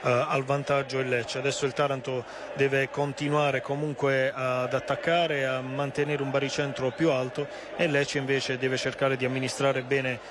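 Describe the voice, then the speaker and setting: Even-toned male football pundit, noisy stadium. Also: medium pitch, moderate pace, hardly any pauses. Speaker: co-commentator and match analyst. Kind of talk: live football analysis. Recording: live broadcast over loud stadium noise.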